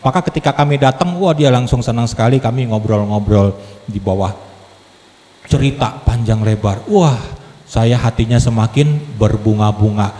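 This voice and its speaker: A man giving a lively testimony sermon in a church hall, telling his story with humor and acted quotes. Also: mid-range voice, normal speed. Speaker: lay preacher giving a testimony. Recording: echoey hall with long reverb.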